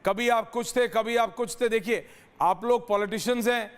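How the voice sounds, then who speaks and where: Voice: mid-range voice, steady tone, normal speed, clear, resonant tone. A debate anchor moderating a heated news panel and cutting in on speakers, heard with a long, cave-like echo. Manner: assertive, cuts in on panelists. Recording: long hall-like reverb.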